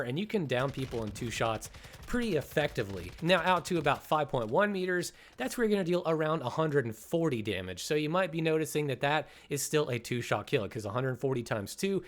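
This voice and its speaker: A young man with a congested voice, chatting enthusiastically as host of a gaming video about shotgun damage. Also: mid-range voice. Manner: enthusiastic, chatty, laughs at how fun the weapon is. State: congested after illness. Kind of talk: casual game commentary.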